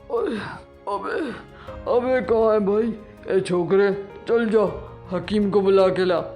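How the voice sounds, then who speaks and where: A performer voicing a rude, grumpy old man with a stomach ache in a comic audio story, talking gruffly. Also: mid-range voice, darkish tone, soft background music, close to an everyday voice. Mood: grumbling. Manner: gruff, rude, calls people "abe".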